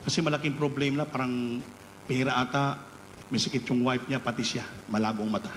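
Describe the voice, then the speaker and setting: A man preaching a storytelling sermon during a live church service, telling the story with animated rises at its high points. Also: a little fast. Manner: animated storytelling, rising pitch at climaxes. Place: church hall. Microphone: live webcast of service. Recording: echoey church hall, faint noise.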